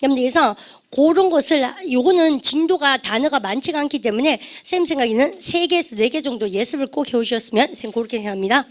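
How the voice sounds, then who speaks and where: A woman teaching English vocabulary to a class, lively and chatty, often calling out to her students and drilling English words aloud. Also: high voice, quick pace. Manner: lively, repeats "여러분들", asks the class questions; refers to herself as "쌤". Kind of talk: lecture to a class.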